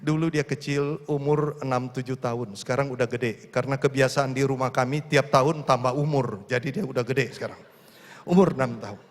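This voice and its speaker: A man's voice: medium pitch, a little fast. A man preaching a sermon, telling stories with acted quotes and building to fervent calls to praise. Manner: storytelling with acted quotes, rising to fervent exhortation. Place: large church hall. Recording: long church reverb.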